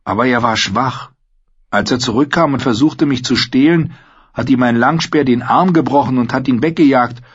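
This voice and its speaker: Guy doing a cheeky wild warrior girl, pitched way up, husky and kinda lo-fi. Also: normal speed, lightly acted. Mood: boastful. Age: 19 (figure). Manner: teasing, blunt, playful. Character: bold teasing young wildling woman warrior.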